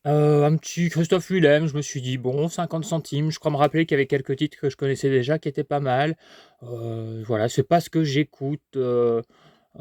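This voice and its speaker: A man's voice: medium pitch, darkish tone, no room sound, clean studio sound. Chatty man rambling through a haul. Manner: chatty and rambling, many fillers and restarts; talks while eating. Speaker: collector vlogger. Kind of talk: casual haul chat.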